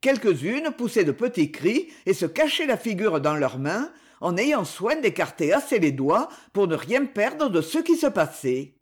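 A narrator reading a classic novel aloud in an expressive, dramatic manner. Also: medium pitch, measured pace, hardly any pauses, breathy edge. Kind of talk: audiobook narration.

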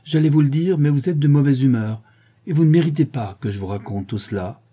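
A man's voice: fairly low pitch, animated, brisk, dark tone, breathy edge. A man reading aloud and voicing a spoiled, saucy thirteen-year-old girl who talks back in a pleading, petulant way.

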